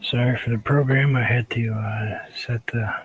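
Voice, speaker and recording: A man's voice: mid-range voice, fairly even intonation, moderate pace, a little hiss or hum, low-quality recording. A man talking casually while he paints on a live stream, thinking aloud and sometimes muttering under his breath.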